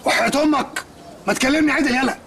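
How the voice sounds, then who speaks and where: A man's voice: very high-pitched, rapid-fire, background noise. An actor playing a boastful, sarcastic young man in a comedy film, with an Egyptian accent, mocking his friend and dropping English words. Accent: Egyptian Arabic.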